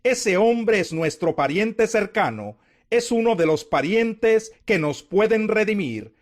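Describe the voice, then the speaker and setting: A man's voice: high voice, expressive, slow pace. A man voicing a caring older mother-in-law who gives motherly guidance in scripted scripture dialogue. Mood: grateful wonder. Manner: motherly, advising.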